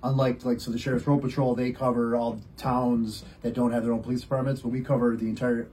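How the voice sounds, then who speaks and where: Man guest, deputy sheriff, mid pitch, hesitant with ums, faint hiss. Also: little pitch movement, fast, dark tone. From Rochester, New York area. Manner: hesitant, many ums, explanatory. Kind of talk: interview guest.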